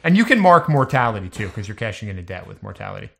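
A man's voice: fairly low pitch, very animated, quick pace, creaky. A man running a tabletop game as game master, narrating scenes in a casual, loosely improvised, conversational way.

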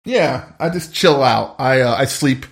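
A man's voice: mid-range voice, animated, measured pace, creaky. Informal, meandering man at the game table. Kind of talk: casual game-table chat.

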